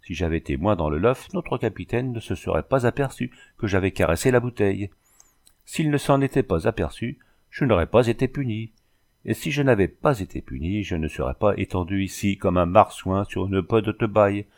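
A man reading an audiobook voices a coarse, boastful backwoods bandit sailor who talks rough and mocking. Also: on the low side, expressive, brisk, a little mellow. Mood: gruff mocking.

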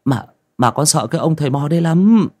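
A man's voice: on the high side, lively intonation, fairly quick, warm tone, voice pushed up. A man voicing a timid young male servant who stammers and pleads, in a story reading. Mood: grumbling. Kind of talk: storybook voice acting.

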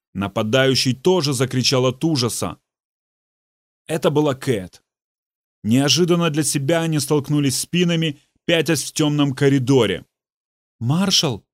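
A man reading an audiobook in a measured, suspenseful narration style. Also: mid-range voice, no room sound, studio quality. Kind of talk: dramatic scripted narration.

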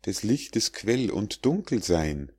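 A man's voice: on the low side, sing-song, slow, a little mellow, breathy edge, heavily acted. A man voicing a fearful young male shepherd crying out to his father.

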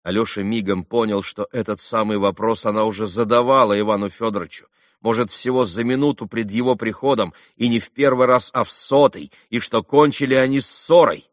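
A man reading a classic novel aloud as an audiobook narrator, in a measured, steady reading style. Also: lowish voice, no room sound, studio quality. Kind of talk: scripted narration.

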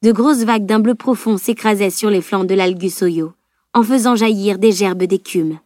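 A woman reading a fantasy novel aloud as an audiobook narrator, at a steady, measured pace. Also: mid-range voice, dry recording, studio quality. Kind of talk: scripted narration.

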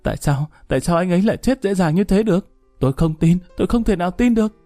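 A young wife in fresh grief, sobbing and frantic, her voice lifted well above the reader's own pitch, as a male storyteller puts her on. The voice is mellow and dry, with faint music underneath. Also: steady tone, moderate pace, husky, no echo. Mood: distraught. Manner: sobbing, disbelieving cries.

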